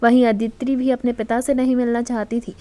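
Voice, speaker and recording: A woman storyteller reading a romantic serial as a steady, scripted audiobook narration. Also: on the high side, brisk.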